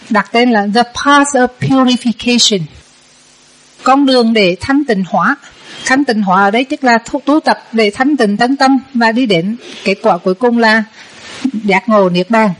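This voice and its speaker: A Buddhist nun teaching pronunciation to a class, patient and repetitive, often ending phrases with a soft "ha". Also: female voice, fairly high pitch, low-quality recording. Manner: patient, repeats words slowly, tags sentences with "ha". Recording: class repeating aloud in background.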